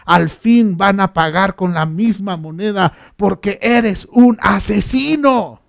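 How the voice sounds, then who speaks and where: A man's voice: high voice, slow, vocal fry, voice pushed up, full character voice. A man doing an angry man hurling curses. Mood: furious. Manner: shouting insults. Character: angry man cursing a fleeing king.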